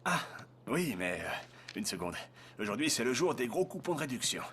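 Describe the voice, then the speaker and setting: Awkward, well-meaning dad, mid-pitched and swinging, fumbling delivery, French film dub, slight noise. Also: male voice, very animated, moderate pace, a bit bright. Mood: distracted. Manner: hesitant, fumbling. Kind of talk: French-dubbed film dialogue. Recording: faint background noise.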